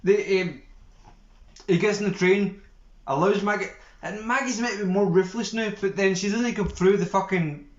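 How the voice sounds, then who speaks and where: Animated, sweary man with a high voice. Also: moderate pace. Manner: animated, sweary, talks over his co-host. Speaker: podcast co-host. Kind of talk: casual chat. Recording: dull echoey room recording.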